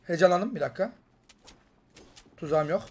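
A young man with a Turkish accent giving excited gameplay commentary, jumping between loud outbursts and muttering to himself. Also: high-pitched, moderate pace, gravelly, a little hiss or hum. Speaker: gaming YouTuber.

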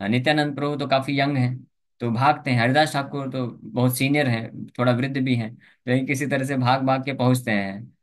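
A man's voice: mid-range voice, fairly even intonation, fairly quick. A man giving a Hindi scripture lecture, telling a story and acting out its characters' lines with a lifted voice. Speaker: preacher.

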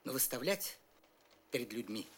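A man's voice: mid-range voice, very animated, normal speed, breathy edge. A man playing a firm, fatherly middle-aged front commander in a war film. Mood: calm authority.

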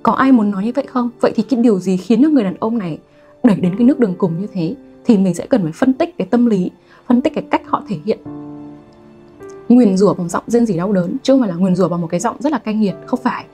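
A young adult woman giving an online literature lesson, lively and always asking her students rhetorical questions. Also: medium pitch, fast talker, faint music behind. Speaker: literature teacher.

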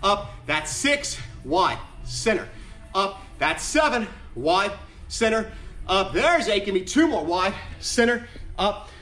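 A man's voice: high voice, big pitch swings, takes it slowly, pushed and bright, faint music behind. A man in his thirties leading a workout as an aerobics instructor, calling out moves and counts in clipped, encouraging commands with lots of energy. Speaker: fitness instructor leading an online workout class. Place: large empty indoor gym studio. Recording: echoey large empty room.

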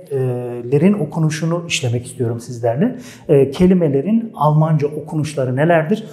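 A man teaching a German lesson, patiently explaining and repeating each example word slowly. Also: on the high side, a little mellow. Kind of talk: online language lesson.

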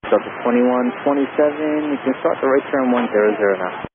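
A man's voice: mid-range voice, fast. A man working as an airport tower controller, giving clipped procedural instructions in air traffic control radio style. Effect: aviation radio. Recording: tinny, noisy air traffic radio channel.

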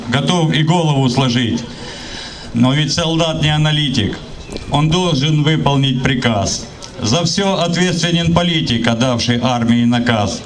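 A middle-aged man recites patriotic poetry into a handheld microphone at an outdoor rally, with an emphatic, measured line-by-line delivery. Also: mid-range voice. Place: outdoor city rally, open square. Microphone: handheld microphone, filmed from the crowd. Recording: noisy outdoor public address, ambient noise.

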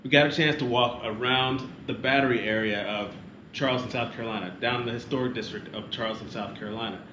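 This fast-talking man, mid-range in pitch, keeps things light for a family travel vlog, reciting facts and playfully ribbing a child. Steady background noise fills an echoey space.

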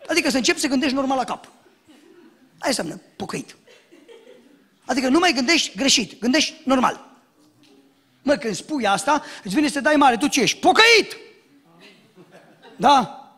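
A male pastor delivers a sermon in a high, bright voice. He swings freely up and down in pitch. He tells jokes and acts out the people in his stories with shouted lines. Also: pauses often, breathy edge. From Romania. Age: young adult. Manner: animated storytelling, acts out shouts and dialogue, jokes.

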